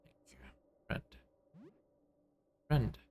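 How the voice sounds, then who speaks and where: A man voicing a vast, childlike alien visitor from a video game, solemn and gently wondering, in short halting phrases. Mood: gentle, wondering. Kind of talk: video game dialogue read aloud.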